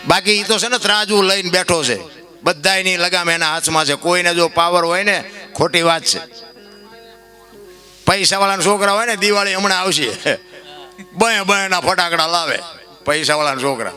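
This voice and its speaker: A man delivers a devotional folk sermon in a high, ringing voice. His bright, forceful tone rises into impassioned cries, with soft music playing behind him. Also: moderate pace. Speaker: folk preacher.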